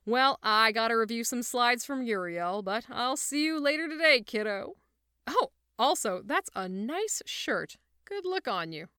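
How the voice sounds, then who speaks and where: A woman's voice: on the high side, big pitch swings, a little slow, bright, forceful tone, smooth, no room sound, studio quality, full character voice. A woman voicing an upbeat, bossy male archangel who talks in a breezy, oblivious way.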